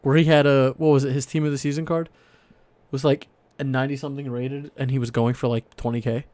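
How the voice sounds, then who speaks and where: A young man talks in a rambling, excitable way as he co-hosts a casual podcast, trailing off and restarting his thoughts. His voice sits at a middling pitch, and the recording is close and very dry, with no room sound at all. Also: brisk, no echo. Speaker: podcast co-host. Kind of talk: casual chat about football cards.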